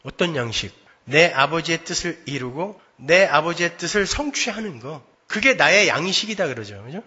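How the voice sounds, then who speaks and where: Brief: high, bright-voiced male pastor with a breathy edge, emphatic sermon in a reverberant church, dull lo-fi recording. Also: lively intonation, normal speed. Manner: emphatic, rhetorical questions to the congregation. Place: church sanctuary.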